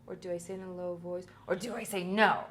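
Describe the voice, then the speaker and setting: A woman's voice: lowish voice, steady tone, fast, a little mellow, a little hiss or hum. A woman who works as a somatic intimacy coach, explaining her work in an earnest way during a casual conversation.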